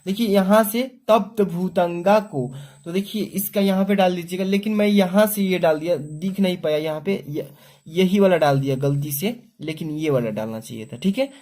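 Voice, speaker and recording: A young adult male teacher walking students through an exam paper, explaining step by step and reading verse aloud slowly. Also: high-pitched, a little mellow. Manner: explanatory, repeats "ठीक है" and "देखिए", slows down to read verse aloud; clears throat often.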